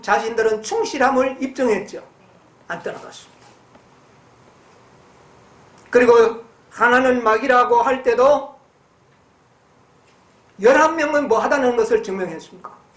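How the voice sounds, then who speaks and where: A woman preaching a sermon. She reads passages slowly and then explains them, asking her listeners questions and answering them herself. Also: fairly high pitch, echoey room. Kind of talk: sermon with Bible reading.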